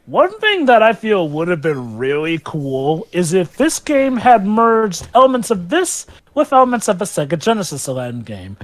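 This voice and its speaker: A man giving casual, opinionated commentary on a video game as a co-commentator. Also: high-pitched.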